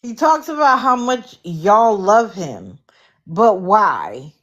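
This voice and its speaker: A woman from Connecticut hosting a livestream, giving sarcastic, animated commentary. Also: mid-range voice, takes it slowly, muffled recording. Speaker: livestream host.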